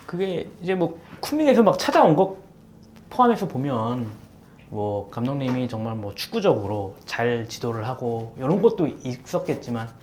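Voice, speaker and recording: A man's voice: medium pitch, big pitch swings, moderate pace, darkish tone, a little hiss or hum. A man interviewing a guest, mostly giving short acknowledgments and now and then summing up what was said. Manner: brief backchannels, summarizing the guest's point.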